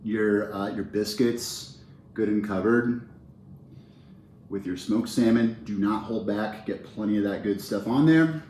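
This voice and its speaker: A man's voice: lowish voice, unhurried, a little mellow, roomy sound, a little hiss or hum. A man hosting a casual cooking tutorial, chatty and enthusiastic, often restarting his sentences. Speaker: cooking channel host.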